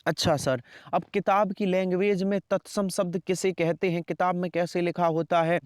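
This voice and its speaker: A man teaching an exam-prep lesson who asks questions, answers them himself as the student, and repeats each point slowly. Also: sits high, flat delivery, clean tone, no room sound, clean studio sound. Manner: plays both teacher and student, saying "sir". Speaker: Hindi teacher.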